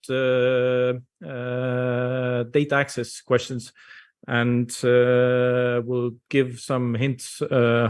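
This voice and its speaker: Man, English, halting conference talk over a video call, mid-pitched. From Estonia. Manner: hesitant, frequent "uh" fillers. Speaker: invited speaker. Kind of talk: conference presentation.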